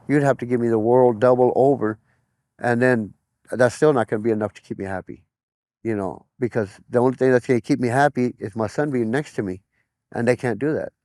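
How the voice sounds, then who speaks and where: A man's voice: mid-range voice, moderate pace, darkish tone, no echo, studio quality. A middle-aged man giving personal testimony in an interview, plain-spoken, often retelling conversations as quoted dialogue.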